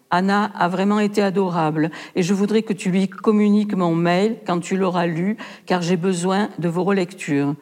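A woman's voice: lowish voice, a little mellow. A woman reading personal letters aloud with a frank, impassioned delivery at a poetry performance. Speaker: reader in a literary performance. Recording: long hall reverb.

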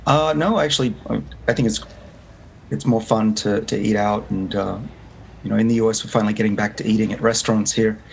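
Speaking a little fast in a creaky, lowish voice with fairly even intonation, an Australian interview guest in his fifties earnestly explains his research over a remote link. He restarts often, and faint background noise can be heard.

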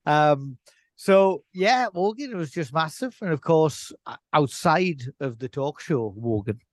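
A man's voice: on the high side, lively intonation, a little slow, dry recording. Laid-back man, dry close sound. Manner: laid-back, rambling, laughs often. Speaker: podcast co-host. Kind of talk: casual chat.

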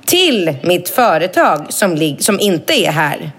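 A woman in her thirties tells a story in a relaxed podcast conversation. She swears freely and jumps up high in pitch whenever she acts out what someone said. Her voice sits fairly low otherwise. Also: husky. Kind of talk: casual chat, animated storytelling.

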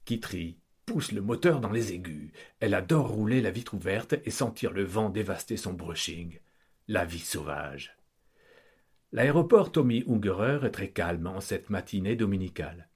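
A man's voice: low voice, lively intonation, normal speed, darkish tone, breathy edge. A man narrating a comic story in a pompous, theatrical manner.

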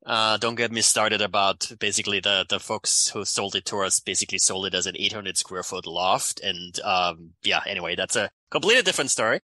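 In a conversational interview, an Austrian man in his forties, a climate economist with an Austrian accent, talks animatedly, tacking "right?" onto many sentences. His voice is fairly low and quick, with hardly any pauses and no echo.

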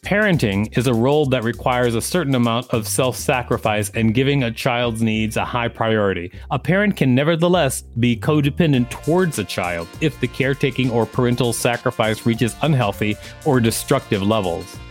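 Co-hosting a podcast, a man reads encyclopedia material aloud as scripted narration, adding brief casual commentary. He speaks at normal speed with a medium pitch and barely pauses, while faint music plays behind him.

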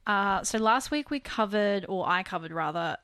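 A woman co-hosting a podcast in a relaxed, low-key way, her voice full of vocal fry. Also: moderate pace, no room sound, studio quality. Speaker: podcast co-host. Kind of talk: casual podcast chat. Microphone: desk microphone.

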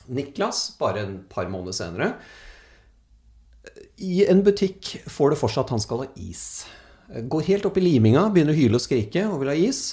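Man, lively swinging intonation, casual storyteller, acts out quoted voices. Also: mid-range voice. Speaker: speaker telling stories. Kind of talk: casual anecdote telling.

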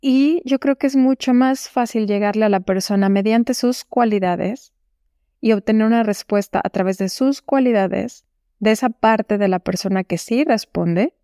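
A woman hosts a solo advice podcast, talking calmly and straight to the listener. Her voice is mellow and warm. The recording is dry and close, with no room sound. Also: medium pitch, dry recording. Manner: calm, explanatory, speaks directly to the listener. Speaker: podcast host.

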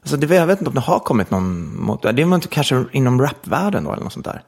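A man's voice: vocal fry, husky. A middle-aged man, a musician guest, chatting casually in an interview with lots of fillers and rambling asides. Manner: rambling, many fillers, animated pitch jumps.

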